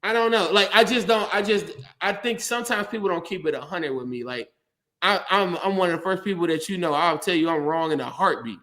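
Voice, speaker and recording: High-voiced, animated man talking sports. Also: a little fast. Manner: animated, rambling, repeats words. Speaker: sports podcast host. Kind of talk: casual sports talk.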